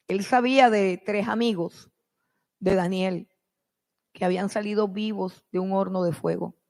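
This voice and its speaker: A preacher delivering a sermon as a dramatic retelling, repeating phrases for emphasis and swinging between loud bursts and hushed drops. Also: medium pitch. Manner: dramatic retelling with sudden swells and drops in loudness. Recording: long reverb of a large hall.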